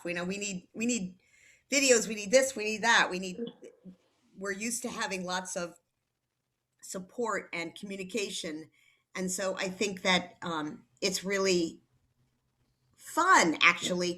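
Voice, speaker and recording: This training host speaks at a medium pitch with a bright, forceful tone. She presents casually over a video call, cheerful but rambling and slightly flustered.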